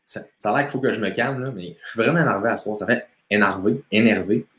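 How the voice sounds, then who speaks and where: A man's voice: on the low side, quick pace, fairly bright tone. A young man with a Quebec French accent hosting a casual live stream as a motivation coach, chatty and laughing easily as he greets viewers by name. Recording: echoey room.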